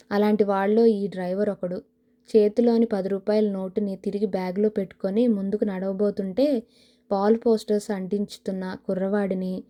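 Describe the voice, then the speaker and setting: A woman narrating an audio novel in a steady, even storytelling manner. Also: medium pitch. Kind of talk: scripted narration.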